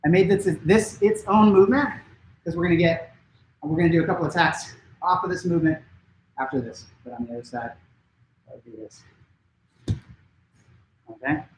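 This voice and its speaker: A man teaching a martial arts class at home, giving brisk step-by-step coaching cues to follow along. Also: a little high, echoey room, slight background noise, poor audio. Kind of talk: live-streamed class instruction. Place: home training room.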